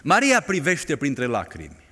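A man preaching a sermon with impassioned delivery, swinging between soaring climaxes and hushed, quiet lines. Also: fairly high pitch, wildly swooping pitch, breathy edge. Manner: impassioned, dramatic rises and hushed drops. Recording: long reverb of a large hall.

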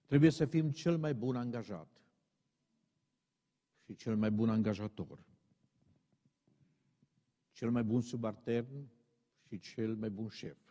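A man's voice: mid-range voice, pauses often, mellow, highs cut off. A man preaching a sermon, his delivery climbing into stern, emphatic exhortation. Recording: long reverb of a large hall.

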